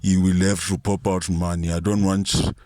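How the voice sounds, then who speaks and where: A man's voice: low-pitched, flat delivery, normal speed, darkish tone, no echo, studio quality. A man ranting in a boastful, profane comic monologue to camera, posing as a reverend, with frequent stutters and restarts. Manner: profane, boastful, mock-courtroom rant with many stutters and restarts. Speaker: self-styled reverend vlogger.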